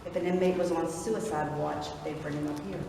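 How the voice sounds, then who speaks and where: Her voice is low, gravelly, and steady, and she talks fairly quickly: a middle-aged Appalachian tour guide loudly spinning stories for her group. They're walking an old prison's vast empty rooms at night, captured in a distant, noisy, echoing recording.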